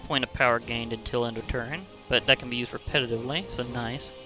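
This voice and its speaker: A man's voice: mid-range voice, fairly even intonation, quick pace, over music. A man giving casual, chatty commentary while playing a digital card game, thinking aloud and laughing often. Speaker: gaming channel host.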